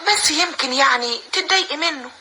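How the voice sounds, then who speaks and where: Timid Egyptian orphan girl, high voice, quick hesitant speech, film drama. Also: pushed and bright, rough recording. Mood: wary. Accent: Egyptian Arabic. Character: timid young orphan woman, wary bride-to-be.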